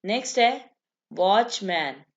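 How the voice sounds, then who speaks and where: Woman teaching English words slowly. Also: mid-range voice, expressive. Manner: repeats each word, then explains it slowly. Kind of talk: vocabulary lesson.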